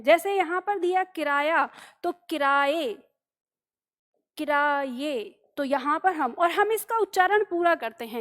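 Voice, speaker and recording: High-pitched lady teacher going over grammar slowly, repeats words, keeps asking if you got it. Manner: patient, repeats words and checks understanding with "ठीक है?". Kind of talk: explanatory classroom lesson.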